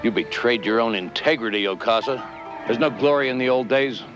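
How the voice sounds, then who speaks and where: An older actor playing a calm ninja master who talks in a dry, laconic way. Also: male voice, mid-range voice, brisk, music in the background, lightly acted. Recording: dull lo-fi TV audio.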